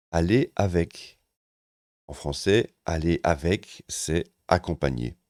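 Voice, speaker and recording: A man with a very low voice teaches grammar in a calm, methodical way, pausing now and then to find his words. The sound is dry and close, with no room around it. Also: dry recording. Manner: calm, methodical, with occasional hesitations. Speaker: language teacher. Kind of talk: explanatory grammar lesson.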